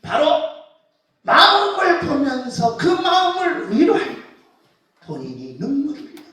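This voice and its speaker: A man's voice: extremely high pitch, very animated, unhurried, pushed and bright. A male pastor preaching a Sunday sermon. He asks rhetorical questions, repeats key words and uses blunt, folksy phrasing. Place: church sanctuary during Sunday worship. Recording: very echoey hall, distant mic.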